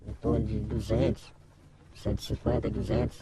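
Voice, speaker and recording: A man's voice: fairly low pitch, animated, normal speed, over a noisy crowd. An anonymous chainsaw worker, a man whose voice is altered by a voice changer, giving plain-spoken interview answers and often asking "entendeu?".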